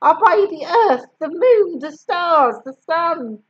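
A woman voicing a desperate mother who rushes through excited, high-pitched bribes to her daughter in a storybook reading. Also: exaggerated voice. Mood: pleading. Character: frantic pleading mother bribing her daughter. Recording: dull lo-fi recording.

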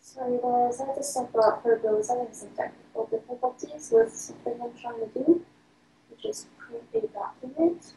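A woman's voice: high-pitched, sing-song, normal speed, creaky, warm tone, a little hiss or hum. A woman co-commentating on a live stream who sounds like she is talking on a cell phone speakerphone, chatty and apologetic about her setup. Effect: sounds like a speakerphone on a cell phone, distant and hollow. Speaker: co-commentator on a card game stream. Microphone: faulty remote mic setup. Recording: roomy, far-off speakerphone sound.

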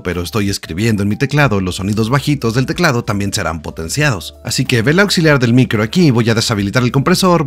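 Calm man explaining software settings. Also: mid-range voice. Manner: calm, explanatory, walks through settings one by one. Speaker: Spanish voice-over for a tech tutorial. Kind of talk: step-by-step tutorial voice-over.

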